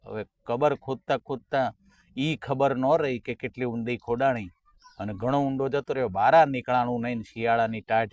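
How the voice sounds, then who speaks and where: Folk comedian telling jokes. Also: male voice, medium pitch, steady tone, darkish tone, no echo. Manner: storytelling, acting out characters' lines; sings short folk song lines slowly. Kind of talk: Gujarati folk stand-up jokes.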